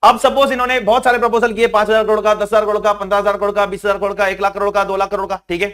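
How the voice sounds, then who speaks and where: Young male tax lecturer with a high voice, animated, pushes students to respond, mixes in English terms. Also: fast talker, clean tone. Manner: animated, keeps prodding students to answer. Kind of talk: classroom lecture. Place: classroom with online students joining.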